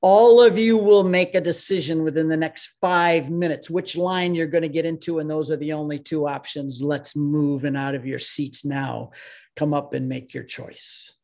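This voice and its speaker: A man's voice: on the high side, fairly even intonation, normal speed, a little mellow, close to an everyday voice. A man playing a stern, menacing Roman official. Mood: stern threatening. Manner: commanding, mock-threatening.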